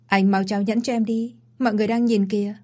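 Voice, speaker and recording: A woman's voice: mid-range voice, little pitch movement, quick pace, a little mellow, natural voice. A woman voicing a desperate young bride in an audio story, pleading and tearful.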